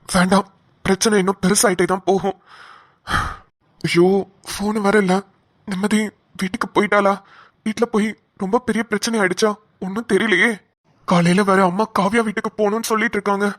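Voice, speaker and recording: A woman's voice: medium pitch, lightly acted. Adhi, a woman voicing a protective young man. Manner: brooding, talks to himself. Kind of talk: Tamil cartoon voice acting.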